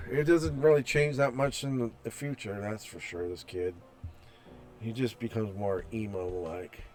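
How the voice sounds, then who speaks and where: Slow-talking man reading a game aloud. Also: lowish voice. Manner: slow, chatty, reads text aloud with restarts. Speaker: gameplay narrator. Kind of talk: reading game text and commenting. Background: soft background music.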